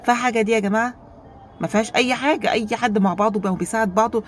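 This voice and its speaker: An Egyptian woman vlogger telling a story in a casual monologue, animated and rhetorical, often turning to her viewers with questions. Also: a little high, racing, slight background noise. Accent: Egyptian Arabic.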